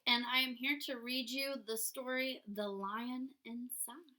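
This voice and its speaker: A woman teacher reading a picture book aloud to children with playful, expressive storytelling. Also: a little high, measured pace, rough recording.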